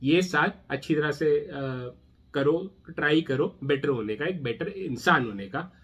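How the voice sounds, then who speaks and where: Conversational man, higher voice. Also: a little slow, fairly bright tone, muffled recording. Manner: conversational, addresses viewer directly, mixes English terms. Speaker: channel host explaining OCD treatment. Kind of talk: casual informal explainer.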